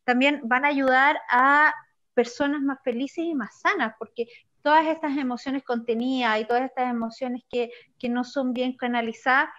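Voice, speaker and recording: Animated woman, slightly dull sound. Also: high voice. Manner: animated, quick, stumbling restarts. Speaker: co-host. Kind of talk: casual talk show conversation.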